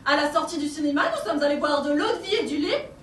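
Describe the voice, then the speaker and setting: A woman's voice: sits high, sing-song, fast talker, fairly bright tone, recorded from a distance. A woman playing a cheeky, chatty housemaid. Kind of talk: amateur stage acting. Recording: echoey stage from afar, faint noise.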